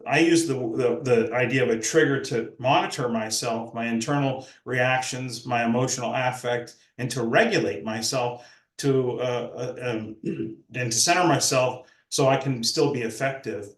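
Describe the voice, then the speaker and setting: Older male professor, reflective and measured, mid pitch, echoey room sound. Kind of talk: academic discussion. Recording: roomy echo.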